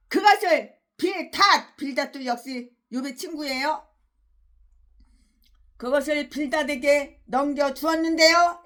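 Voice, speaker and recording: A woman's voice: high voice, a bit bright. A woman pastor preaching an expository sermon in an impassioned, ranting way, repeating phrases for emphasis.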